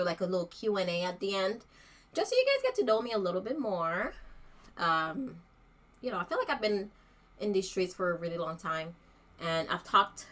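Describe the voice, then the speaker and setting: A woman in her thirties chats with viewers during a casual livestream. Her voice sits in a middle register with a bright, forward edge. She is playful and gossipy and laughs freely as she goes. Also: medium pitch. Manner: chatty and playful, laughs often. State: out of breath from running up stairs. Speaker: natural hair vlogger hosting a livestream.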